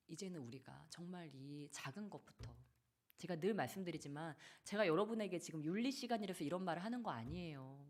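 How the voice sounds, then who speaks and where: Woman pastor in her thirties, low-pitched, lively sermon delivery with playful acted quotes. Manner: lively, animated preaching with acted-out quotes and soft asides. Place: church sanctuary.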